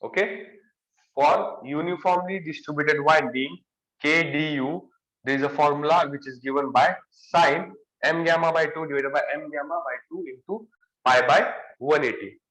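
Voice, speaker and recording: A man's voice: fairly high pitch, moderate pace, a bit bright, echoey room, rough recording. A young man with a Marathi accent giving an exam-prep lecture, repeating key phrases and stressing words. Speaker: engineering lecturer.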